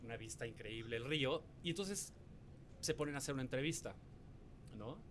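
A young adult man with a Mexican Spanish accent, a podcast guest telling stories casually and acting out quotes with big jumps in pitch. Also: brisk, fairly bright tone, slight background noise. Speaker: podcast guest, former reality show contestant. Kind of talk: casual storytelling.

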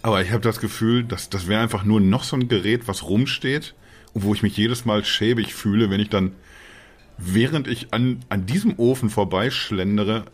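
A man's voice: lowish voice, moderate pace. A man co-hosting a podcast, chatting casually and jokingly with some hesitant restarts, calling in from home. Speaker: podcast co-host. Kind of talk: casual chat. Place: home in Dortmund, remote.

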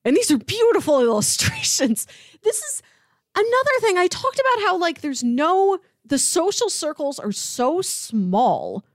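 A woman with a very high-pitched voice co-hosts a casual TV review podcast, speaking at a measured pace on a dry, studio-quality recording. She's animated and conversational, peppering her sentences with "like."

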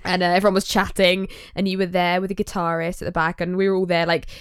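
Smooth-voiced young woman podcast host. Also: lowish voice, level tone, quick pace, no echo, studio quality. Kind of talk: casual podcast interview.

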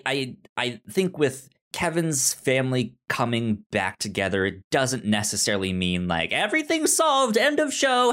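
A podcast host chats casually about TV in a mid-range, fairly bright voice. He stutters and often acts out imagined dialogue.

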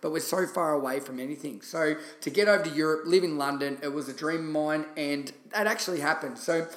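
A man's voice: a little high, a little fast, fairly bright tone. An Australian-accented man hosting a podcast, telling personal stories in a casual, chatty, enthusiastic way. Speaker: podcast host. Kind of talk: casual solo podcast storytelling. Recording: roomy, echoey sound.

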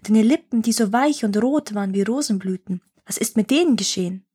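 An earnest, trusting young prince who asks questions in wonder, as a woman reading a fairy tale voices him. His tone is gentle, with a breathy, husky softness. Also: fairly high pitch, fairly quick. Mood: puzzled.

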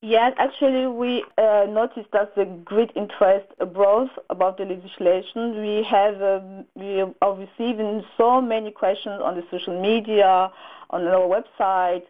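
A woman's voice: mid-range voice, fairly even intonation, a little slow. A woman from Cameroon, a radio guest answering earnestly with many restarts. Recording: tinny phone line.

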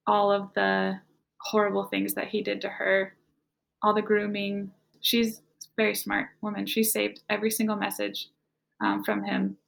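A woman's voice: mid-range voice, vocal fry. A young adult woman telling her own story as a guest, candid and acting out what was said with quoted dialogue. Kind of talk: personal testimony.

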